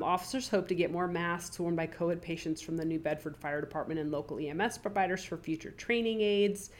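A podcast co-host with a low, slightly mellow voice, pulled a bit deeper than usual by a cold. She chats easily, reading news items aloud and pausing to throw in her own asides.

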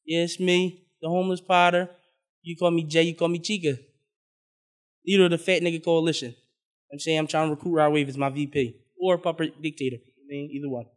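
High-voiced young man, crude and joking. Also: fairly even intonation, fairly quick. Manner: loud, crude, joking storyteller. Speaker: podcast co-host. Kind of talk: casual chat.

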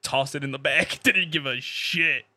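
A man's voice: mid-range voice, a little slow, sharp tone, no room sound, studio quality. A man telling bawdy stories casually among friends, slangy and sweary, often saying bro and dude. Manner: slangy, profane, peppers talk with "bro" and "dude".

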